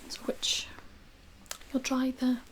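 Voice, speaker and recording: A woman doing a whispered role-play as a librarian, speaking gently and hesitantly in a soft, breathy whisper. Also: takes it slowly. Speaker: ASMR creator playing a librarian recommending books.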